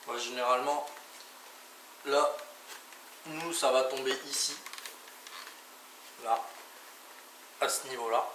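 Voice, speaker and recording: In an echoey recording with a far-off mic and plenty of background noise, a motorcycle vlogger gives a casual, hands-on gear tutorial, chatting informally through each step with small interjections. His medium-pitched voice is steady and a bit bright, slow, with frequent pauses.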